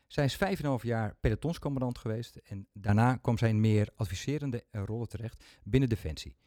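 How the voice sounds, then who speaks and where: A man's voice: mid-range voice, fairly quick, warm tone, no echo, clean studio sound. A man hosting a podcast, talking chattily with self-mocking humor into a microphone. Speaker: podcast host. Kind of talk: casual podcast talk.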